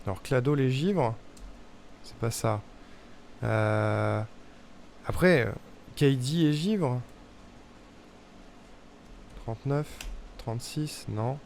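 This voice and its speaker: A man's voice: mid-range voice, extremely slow, long pauses, darkish tone, slight background noise. A young man streaming a puzzle game, thinking aloud in casual chat as he tests guesses and mutters to himself. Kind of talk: casual live-stream commentary.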